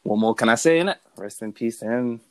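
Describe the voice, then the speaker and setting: A man's voice: mid-range voice, fairly quick, darkish tone. A young man, co-hosting a casual podcast chat in a laid-back, slangy way. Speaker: podcast co-host.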